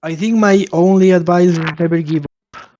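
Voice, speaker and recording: A man's voice: high-pitched, steady tone, moderate pace, dark tone, highs cut off. A man speaking as a game developer guest in a video call interview, his voice cutting out over a bad connection, hesitant and repeating words as he talks.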